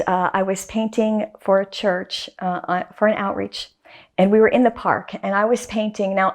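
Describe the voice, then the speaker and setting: A woman guest artist talking casually in a faith interview, telling a story with animated emphasis and repeated phrases. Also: mid-range voice.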